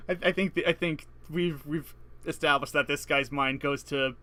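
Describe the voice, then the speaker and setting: A man's voice: a little high, steady tone, moderate pace, pushed and bright, dry recording. A man reading a visual novel's text aloud, breaking off to joke and laugh. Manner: reads narration evenly, then jokes and laughs between lines. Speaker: let's play co-host reading game text.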